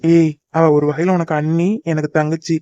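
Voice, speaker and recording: A man's voice: a little high, flat delivery, moderate pace, mellow, clean tone, dull audio, lightly acted. A young man voicing a teasing, devoted boyfriend in a cartoon, coaxing and joking. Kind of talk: cartoon voice acting.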